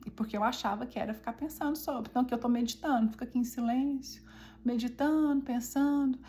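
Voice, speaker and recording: A woman with a Brazilian Portuguese accent giving a conversational devotional teaching. She often checks in with her listeners and slows down to stress key points. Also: fairly high pitch, a little mellow. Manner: chatty, often asks the listeners "né?" and calls them "gente".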